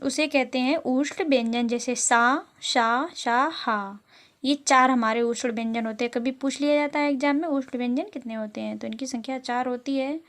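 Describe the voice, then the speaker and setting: A woman's voice: high voice, normal speed, fairly bright tone. A woman teaching as she reads out exam questions, then explains the answers and repeats them. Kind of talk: exam-prep lesson.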